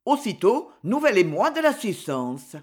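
Husky breathy storyteller reading a kids' classic, very expressive, voice going up and down. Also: mid-range voice, a little slow. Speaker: narrator. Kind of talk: audiobook reading of a children's story.

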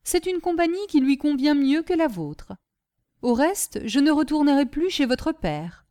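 A woman's voice: high-pitched, expressive, a little slow, mellow, voice pushed up. A woman voicing a proud, amorous male caliph who speaks in a lordly, dismissive way in a storybook reading. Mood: imperious.

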